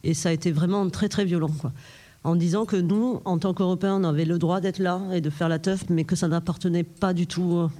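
A man in a casual group chat who talks in a drawn-out way and tags phrases with fillers. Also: sits high, steady tone, dark tone.

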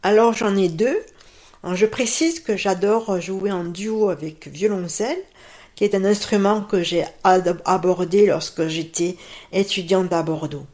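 A woman, a pianist and teacher calmly answering radio interview questions. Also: mid-range voice, measured pace. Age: 50s.

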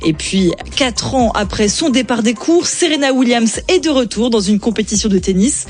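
A woman reading the radio news in a clear, measured way from a studio. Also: on the high side, expressive, darkish tone, faint music behind. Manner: clear, measured newsreader delivery. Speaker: news presenter. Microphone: studio microphone.

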